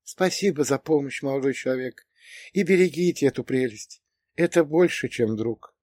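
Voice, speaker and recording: A man's voice: mid-range voice, normal speed, a little mellow, no room sound, studio quality, pitched above the performer's own voice, natural voice. A man putting on a frail old lady's whisper. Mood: tearful. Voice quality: faint rustling whisper. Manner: wistful, trembling. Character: frail, tender elderly woman neighbor, lonely.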